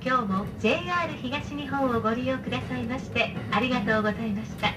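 A woman reading a scripted train announcement in a formal, measured way, as an onboard announcer. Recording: distant train speaker over loud rumble. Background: train running noise.

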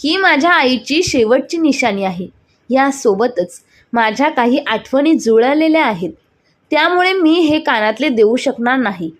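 A woman's voice: high voice, lively intonation, a little slow. A woman voicing a young daughter-in-law who is hurt but stands firm, refusing defiantly.

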